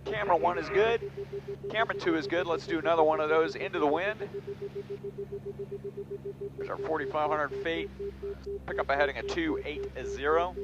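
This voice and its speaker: A man's voice: fairly high pitch, moderate pace, pauses often. Man, pilot's technical commentary, matter-of-fact, clipped procedural callouts, muffled cockpit audio, heavy aircraft noise. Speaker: pilot demonstrating flight maneuvers. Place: small airplane cockpit in flight. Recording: dull audio, loud aircraft cabin noise. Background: engine and cabin drone.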